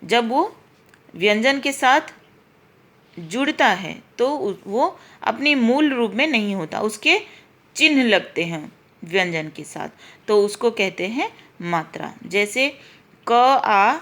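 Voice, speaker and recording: A woman's voice: fairly high pitch, lively intonation, slow pace, fairly bright tone. A woman teacher giving a patient grammar lesson to schoolchildren, spelling out letters one by one and repeating her explanations. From India.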